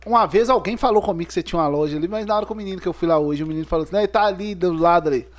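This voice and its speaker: A Brazilian man hosting a casual podcast interview, throwing in quick questions and short encouraging replies. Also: high-pitched. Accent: Brazilian Portuguese. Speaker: podcast host.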